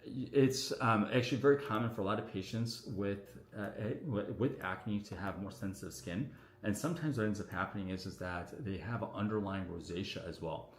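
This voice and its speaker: A man, a doctor, answering viewer questions on a casual livestream in a relaxed, chatty way full of fillers, his voice echoing around the room. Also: fairly low pitch, normal speed. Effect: echoing room sound on the stream. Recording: echoey room audio on a livestream.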